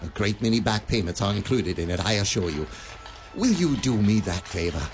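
An actor playing Scrooge, an elderly miser turned giddy and generous, laughing and lively in a radio play. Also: male voice, lowish voice, fairly quick, lightly acted. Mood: joyful. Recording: studio radio drama with faint music.

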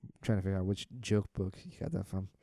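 A man's voice: sits low, fast talker, mellow, dry recording. A man co-hosting a podcast, chatting casually about a movie trailer in a rambling, laid-back way full of fillers. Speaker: podcast co-host.

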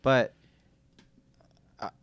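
A man's voice: drawn-out words, no echo, muffled recording. A man in his twenties hosting a casual podcast, sick with a sinus infection, his nose stuffy and congested. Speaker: podcast host.

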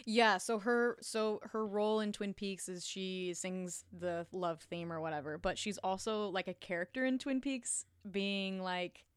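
A woman's voice: mid-range voice, steady tone, measured pace, few pauses, smooth, dry recording. A woman from the US Midwest chatting casually as a co-host, with valley girl phrasing full of "like". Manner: valley girl talk, frequent "like". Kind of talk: casual chat about film and TV.

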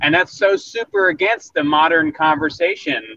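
A man's voice: fairly high pitch, steady tone, moderate pace, sharp tone, a little hiss or hum. A man calling in over a phone line with a bad, breaking-up connection, chatting casually and correcting himself as he goes. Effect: choppy phone call with a bad connection. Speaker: podcast co-host calling in. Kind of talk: casual chat. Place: in a car leaving his store. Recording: muffled phone-line sound.

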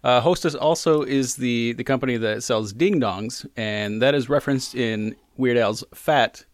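A man's voice: mid-range voice, measured pace, no room sound. A man co-hosting a casual food-tasting show, chatting about the taste and sharing trivia between bites. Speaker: co-host.

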